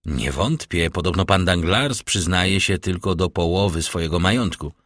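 A man reading an audiobook, voicing a calm, worldly count who speaks with measured irony. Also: low-pitched, no room sound, studio quality. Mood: ironic. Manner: cool, measured, ironic. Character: calm, ironic, worldly older nobleman count.

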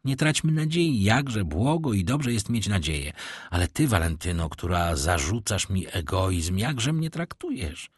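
A man's voice: lowish voice, lively intonation, a little slow, breathy edge, no room sound, clean studio sound. A man reading a fervent young lover. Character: ardent devoted young man in love. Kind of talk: audiobook reading.

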